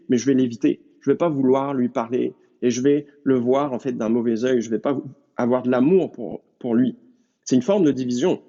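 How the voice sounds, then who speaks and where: A man preaching a sermon in an earnest, measured way and speaking straight to his listeners. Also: medium pitch, warm tone. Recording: dull lo-fi recording.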